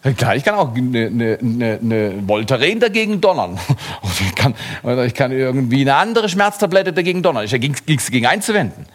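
A middle-aged man delivering a sermon in a husky, slightly breathy voice. He swings between animated, rising exhortation and low, near-whispered moments, and mixes in casual asides. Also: fairly quick. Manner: lively preaching with sudden rises and hushed drops. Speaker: pastor.

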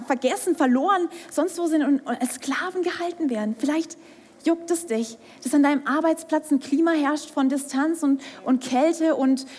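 A woman's voice: sits high, a little mellow. A young woman preaching a sermon, speaking with emphasis, asking rhetorical questions and sometimes dropping to a whisper. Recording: hall with long reverb.

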